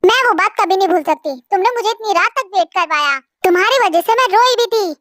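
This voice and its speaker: A woman as a very high-voiced sulking young wife. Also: animated, brisk, no echo, studio quality. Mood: sulky. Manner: sharp, scolding retorts. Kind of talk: fan audio drama.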